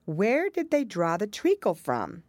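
A woman's voice: medium pitch, wildly swooping pitch, measured pace, darkish tone, dry recording, studio quality, pitched above the performer's own voice. Storybook girl: curious, polite, earnest, voiced by a woman reader.

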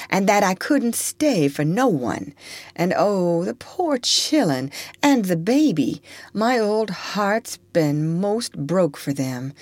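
Lady reading as a feeble dying old man, soft and tender, low slow voice. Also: no room sound, full character voice.

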